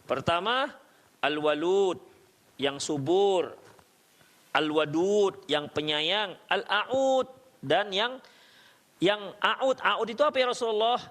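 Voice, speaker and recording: Leading a study circle, a male Islamic preacher recites verses in Arabic and keeps his lecture conversational by putting questions to the audience. He speaks in a high-pitched, slightly bright voice.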